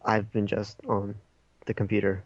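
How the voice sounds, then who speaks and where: A man's voice: lowish voice, completely flat delivery, moderate pace, dry recording, muffled recording. A man joining a casual podcast chat with dry, self-mocking quips.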